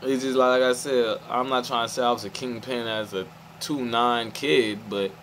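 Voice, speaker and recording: A man's voice: mid-range voice, fairly even intonation, moderate pace, fairly bright tone, low-quality recording. Male vlogger, mid-range voice, rambling stream-of-thought delivery, faint motor hum underneath. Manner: meandering, restarts, keeps asking "you feel me". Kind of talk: rambling monologue to camera.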